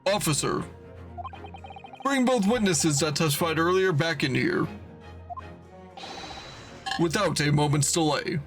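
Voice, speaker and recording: A man streaming a game, reading its courtroom dialogue aloud in a measured, earnest way. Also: on the high side, animated, soft background music.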